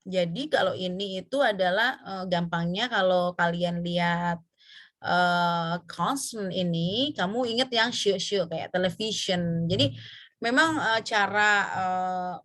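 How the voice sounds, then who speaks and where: A woman's voice: lowish voice, fairly bright tone. Indonesian woman teaching English sounds. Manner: slow, drawn-out example words with many fillers. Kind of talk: online class lesson mixing Indonesian and English.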